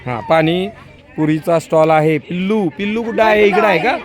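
A male school teacher touring an outdoor school market, briskly coaxing children with quick prompts. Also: high voice. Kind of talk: walking tour of a school market stall by stall. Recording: noisy crowd of children outdoors.

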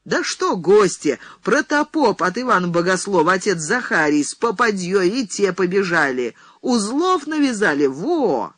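A woman reading the part of an excited young village lad, who chatters and grins as he spreads news. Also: mid-range voice, moderate pace, hardly any pauses, no echo, pitched above the performer's own voice. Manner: lively, excited, grinning. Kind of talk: audiobook reading.

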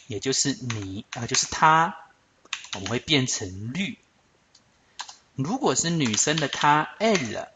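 Lively man teaching grammar. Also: medium pitch, noisy background. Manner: patient, explanatory, addresses students directly with frequent check-ins; slows down to spell out French forms. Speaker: French teacher. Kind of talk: recorded grammar lesson.

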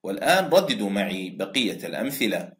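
A man teaching a recorded Quran recitation lesson, drawing out example words slowly for students to repeat and praising answers. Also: on the low side, very animated, a bit bright, roomy sound.

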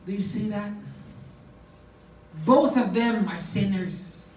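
A man's voice: high-pitched, takes it slowly, darkish tone, slight background noise. A man preaching a sermon, reading scripture verses aloud and explaining them between readings, coaxing his listeners along. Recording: roomy echo, heard from a distance.

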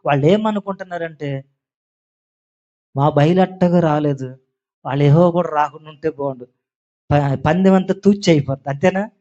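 A man preaching a sermon, telling a story in a lively, playful way and acting out the quotes. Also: on the high side, lo-fi sound.

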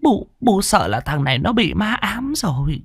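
Brief: worried old village grandmother, hushed and raised pitch, a man doing her. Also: sing-song, moderate pace, husky, dry recording, studio quality, exaggerated voice. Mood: grave.

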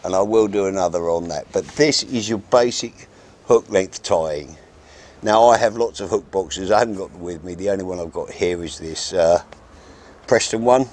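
Speaking at a moderate pace in a low, darkish voice, a fishing instructor in his sixties explains a how-to step by step. He keeps it casual, frank and practical with brief instructions, recorded outside in a garden by a wooden fence.

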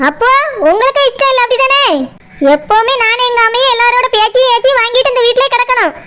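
Here the same cartoon character, a stubborn, aggrieved pregnant village wife with a Tirunelveli Tamil accent, keeps pressing her complaints. The woman performing her speaks fast at an extremely high pitch, with a pushed, bright quality, in comic cartoon dialogue.

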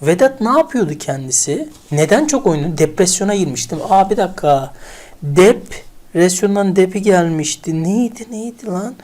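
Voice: medium pitch, lively intonation, moderate pace, a little mellow. Chatty vocabulary teacher quizzing aloud. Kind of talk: online lesson with memory tricks.

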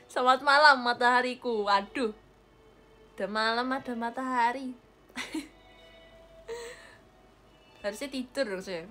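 With faint music behind her, a young woman livestreaming as an idol speaks slowly and with long pauses, her slightly high voice lively in intonation, pushed and bright. She chats casually, giggles often and thanks viewers for gifts from a small bedroom with a gaming chair, captured close by a webcam or phone.

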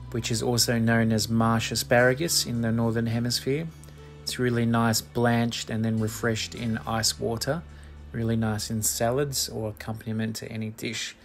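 A man, a cafe chef chatting casually outdoors about foraging, relaxed and full of ums. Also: mid-range voice, normal speed, soft background music. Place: outdoors on the coast and in pine woods.

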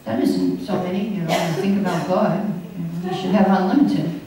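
Speaking a little fast in a lowish, fairly even voice, an older woman leads an anecdotal, talkative scripture class and laughs frequently. She uses a stand-mounted podium microphone in an echoey indoor hall, captured from afar with a noisy background.

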